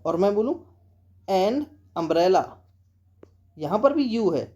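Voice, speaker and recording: Man, Indian accent, exam-prep English teacher, warm relaxed voice, reads examples slowly. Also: sits high, breathy edge. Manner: reads English sentences slowly, often checks "okay?".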